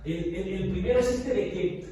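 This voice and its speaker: A man's voice: high-pitched, normal speed, warm tone. A man teaching an informal Bible class to a group in Spanish, conversational and full of questions to his listeners. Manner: conversational, asks the class questions, many filler checks. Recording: echoey room, distant mic.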